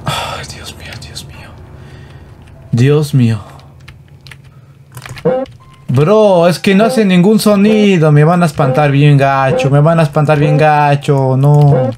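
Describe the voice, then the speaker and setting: A man's voice: on the high side, a little slow, hardly any pauses, noisy background. A man commentating a horror game, nervous and jumpy, yelping and muttering prayers and dropping English slang. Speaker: gamer. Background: game music.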